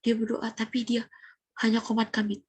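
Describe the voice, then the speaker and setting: A young woman Sunday school teacher telling a Bible story to children, animated, asking them questions and sometimes dropping to a whisper. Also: fairly high pitch, moderate pace, slightly rough, no room sound.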